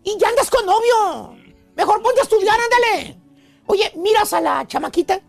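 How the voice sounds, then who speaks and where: A squeaky over-the-top love professor on radio comedy, gravelly edge, preachy. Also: male voice, expressive, normal speed, soft background music, exaggerated voice. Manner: preachy, theatrical, slangy lecturing. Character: shrill excitable male love professor. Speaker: radio comedy host character. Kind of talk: comic radio monologue.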